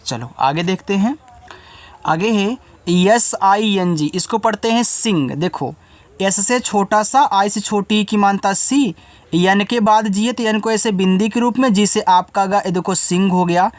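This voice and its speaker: Guy teaching english spelling, slow letter by letter, then says the word low and soft, repeats everything twice. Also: no echo. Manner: patient, repeats each meaning twice. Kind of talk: step-by-step spelling lesson.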